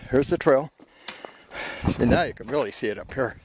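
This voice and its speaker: On a canyon trail, an older man vlogs his hike, winded and talking loosely with fillers into the camera in his hand. He speaks at a medium pitch and a normal speed. Loud outdoor sounds surround him as he walks.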